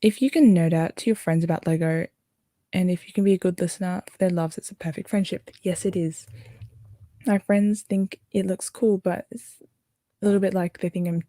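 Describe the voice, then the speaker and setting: Chatty young Australian woman, lowish voice. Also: steady tone, normal speed, warm tone, no room sound, studio quality. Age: young adult. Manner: chatty and rambling, with fillers and self-corrections. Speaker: livestream host. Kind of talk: casual livestream chat, reading viewer comments.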